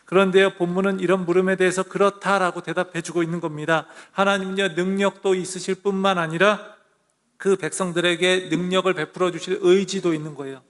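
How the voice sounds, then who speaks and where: A man's voice: high voice, long reverb tail. A man preaching a sermon as pastor of a church, asking the congregation questions and then answering them. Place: church sanctuary.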